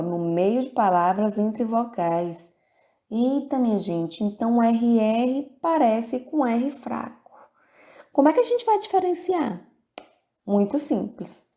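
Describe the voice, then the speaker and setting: A woman with a Brazilian Portuguese accent teaching a grammar lesson to children, speaking slowly and repeating each example word. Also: on the high side, mellow. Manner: slow, deliberate, repeats words for the class.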